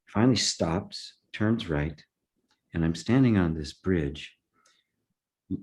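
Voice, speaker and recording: Older man with a very deep voice. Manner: halting, repeats words, soft laughs. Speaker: spiritual teacher. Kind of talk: personal storytelling in conversation.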